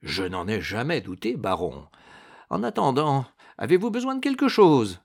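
A man's voice: medium pitch, sing-song, moderate pace, gravelly, darkish tone. A man playing a swaggering male swordsman with a teasing, ironic manner. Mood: wry.

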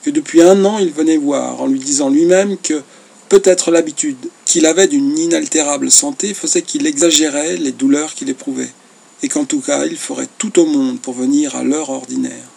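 A man narrating a classic novel as an audiobook in a measured, expressive reading. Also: on the high side, gravelly, breathy edge.

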